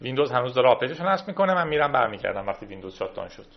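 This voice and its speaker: A man's voice: medium pitch, sing-song, gravelly, highs cut off, noisy background. A man hosting a casual screen-recorded tech tutorial, chatting through each step as he clicks through menus. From Iran. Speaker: tech video host.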